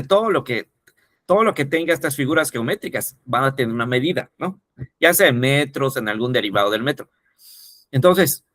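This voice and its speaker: Bright dry-voiced male teacher. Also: mid-range voice, dry recording. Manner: repetitive, checks in with "¿no?" often. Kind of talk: explanatory lesson. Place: teaching video.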